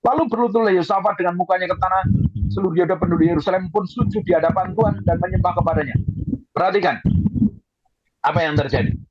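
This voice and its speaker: A man's voice: high-pitched, fairly even intonation, quick pace, pauses often, dull audio, noisy background. A man preaching a fervent sermon over a video call, reading scripture and then exhorting his listeners. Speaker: pastor.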